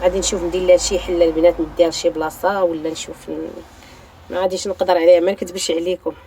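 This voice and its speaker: A woman's voice: on the low side, level tone, racing, dark tone, a little hiss or hum. A woman with a Moroccan accent, chatting straight to her viewers in a home vlog filmed on a phone. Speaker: vlogger. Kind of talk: casual chat to viewers. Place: home balcony. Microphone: phone held while filming.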